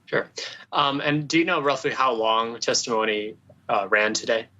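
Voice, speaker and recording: A man hosting a podcast and asking a reporter brisk, plain questions. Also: medium pitch, pushed and bright. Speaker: podcast host interviewer. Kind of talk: interview questions. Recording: dull lo-fi audio.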